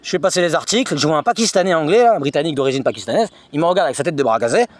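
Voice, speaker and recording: Fast, lively high-pitched man ranting. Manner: agitated, repetitive, slangy retelling. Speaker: vlogger recounting personal experiences. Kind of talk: personal storytelling monologue.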